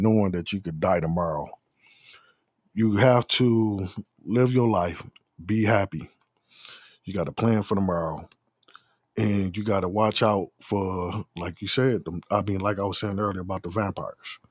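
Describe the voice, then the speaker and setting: A man's voice: low voice, no echo, studio quality. A man co-hosting a podcast, laid-back, dropping casual fillers as he talks.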